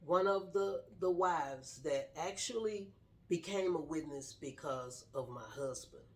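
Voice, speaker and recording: A middle-aged woman, the host's wife, appears as a guest to tell her personal story in a casual, earnest, straightforward way. Her voice is low and animated, and she takes her time.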